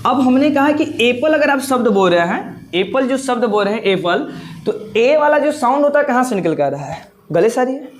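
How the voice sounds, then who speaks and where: A man's voice: very high voice, lively intonation, fairly quick, a little hiss or hum. A male teacher giving a grammar lesson, explaining step by step with repeated words and rhetorical questions.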